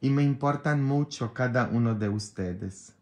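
A man's voice: mid-range voice, measured pace. A man, a priest with a sore throat, chatting casually and jokingly with his followers, sometimes exasperated. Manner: joking, exasperated, mixes jokes with advice.

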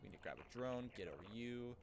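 A man's voice: mid-range voice, expressive, fast talker, creaky, background noise. A man, muttering offhand, sweary commentary as he streams a game. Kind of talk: casual gameplay commentary.

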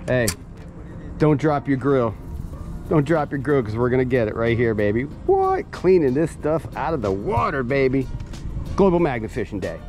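An excited man narrating his magnet fishing outdoors at a waterfront, hyped and shouting catchphrases. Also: medium pitch, normal speed, faint music behind. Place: outdoor waterfront docks and park.

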